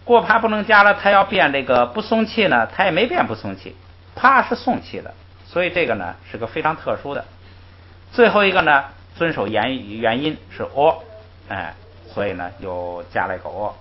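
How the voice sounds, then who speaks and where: A male teacher with a medium-pitched voice runs a language lesson, modeling syllables for the class to repeat and explaining rules with patience. His lively delivery is peppered with "ai," and the lecture relies on call-and-repeat drills. It's captured in a muffled, lo-fi recording.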